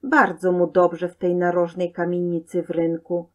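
A woman reading a children's story aloud in a clear, measured way. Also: on the low side, monotone. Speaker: narrator.

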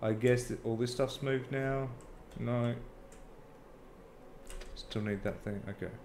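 A man's voice: mid-range voice, steady tone, slow, darkish tone, roomy sound, slight background noise. A man playing a horror game and talking himself through it, often flustered. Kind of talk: casual gameplay commentary.

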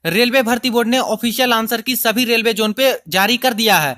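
A man's voice: very high voice, brisk, sharp tone. A man hosting a channel, talking viewers through an online process step by step in a chatty screen-recording tutorial, constantly calling them friends. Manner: step-by-step instructional. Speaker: YouTube channel host.

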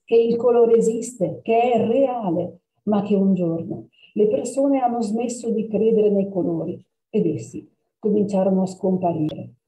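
A woman's voice: medium pitch, a little slow, roomy sound, lightly acted, low-quality recording. A woman doing a sly, secretive talking cat. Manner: teasing, hushed.

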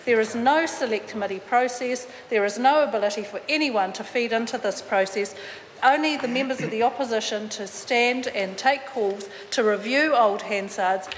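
A woman's voice: fairly high pitch, a little hiss or hum. Combative New woman in parliament. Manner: combative, indignant, with many fillers and restarts. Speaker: opposition member of parliament. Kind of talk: parliamentary debate speech. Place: large wood-panelled debating chamber. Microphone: desk microphone. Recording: reverberant chamber with faint ambience.

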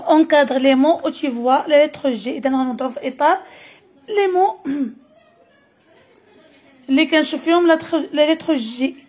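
Woman, Moroccan accent, Arabic native, children's phonics teacher, high voice, slow and repetitive. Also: darkish tone. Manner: slow, repeats each word carefully. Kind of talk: French phonics lesson for children.

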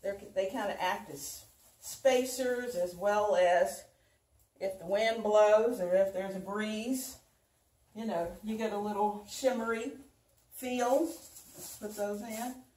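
A woman's voice: mid-range voice, fairly even intonation, dark tone. An older woman hosting a home decor vlog, chatting unhurriedly as she arranges flowers in her dining room. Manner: chatty, unhurried, talks while working with her hands. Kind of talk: casual how-to demonstration. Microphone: camera mic from across the room. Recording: roomy echo, voice from a distance.

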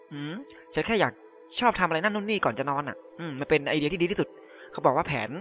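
A man's voice: on the high side, a bit bright. A man giving casual let's-play commentary. He reads in-game messages aloud and translates them on the fly, in loose, filler-heavy talk full of polite particles. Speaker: gamer translating game text.

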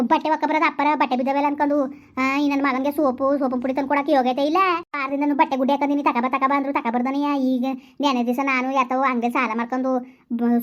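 A woman playing a sharp-tongued village wife in a comic skit, hurling curses and scolding tirades. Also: sits high, lightly acted. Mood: indignant. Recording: dull lo-fi audio.

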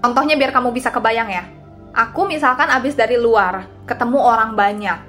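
A young woman in her twenties talks straight to her viewers in a casual, confiding way, sharing advice like a friend. Her voice sits a bit high. Faint music plays underneath. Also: a little fast, bright, forceful tone. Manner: chatty and confiding, addresses viewers directly. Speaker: vlogger giving advice. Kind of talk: casual talking-head advice.

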